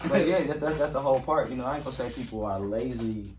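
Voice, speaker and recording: A man's voice: medium pitch, fast, far from the mic. A man with a Detroit accent, a rapper guest talking in a casual interview and acting out quotes as he tells stories. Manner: animated storyteller, acts out quotes. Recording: roomy sound from off mic with faint background noise.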